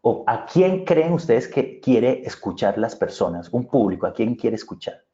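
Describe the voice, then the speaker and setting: A man's voice: mid-range voice, very animated, moderate pace, warm tone. A man with a Bogotá Colombian accent, a public speaking consultant giving a virtual conference lecture in a conversational way. He often checks in with his listeners. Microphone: video call. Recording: muffled video-call audio.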